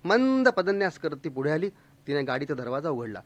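A man telling a humorous story in a lively, expressive, mock-dramatic way. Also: on the high side, a little fast, no room sound.

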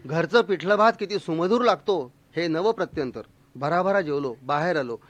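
A man telling a humorous story in a lively, expressive, mock-dramatic way. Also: on the high side, moderate pace.

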